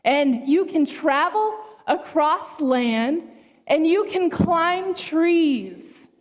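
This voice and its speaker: A woman's voice: high-pitched, expressive, drawn-out words, heavily acted. A woman playing a cheerful, self-satisfied creator. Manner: matter-of-fact, pleased with itself. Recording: echoey hall.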